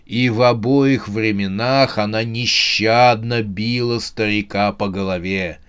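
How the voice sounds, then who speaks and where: Slow, smooth-voiced male narrator. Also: on the low side. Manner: steady, measured storytelling. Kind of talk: audiobook reading of a comic horror novel.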